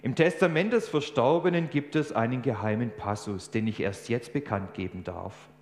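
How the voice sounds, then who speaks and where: A man's voice: medium pitch, normal speed, natural voice. A man voicing a stubborn male auctioneer who calls out bids emphatically. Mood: announcing. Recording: echoey hall, faint hum.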